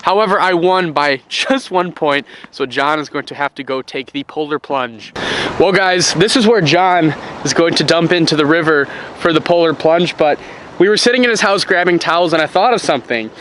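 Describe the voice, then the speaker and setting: A young man chatting casually to camera in an informal, excitable way, swearing freely. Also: fairly high pitch, normal speed. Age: young adult. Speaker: vlogger, fishing host. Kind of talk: casual outdoor vlog chat. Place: outdoors on a frozen pond and by a river. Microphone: handheld or body-worn action camera. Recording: noisy outdoor action camera audio.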